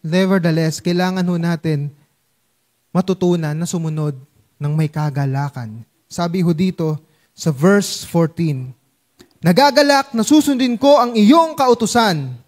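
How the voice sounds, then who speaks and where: A man's voice: sits high, darkish tone. A Filipino man preaching a sermon to his congregation in a playful Taglish style, acting out small scenes. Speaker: pastor.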